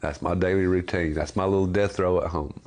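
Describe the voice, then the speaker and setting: A man's voice: low-pitched, steady tone, fairly quick, darkish tone. A man, speaking bluntly in a documentary interview about his life after death row. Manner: plainspoken, blunt. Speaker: exonerated death row prisoner.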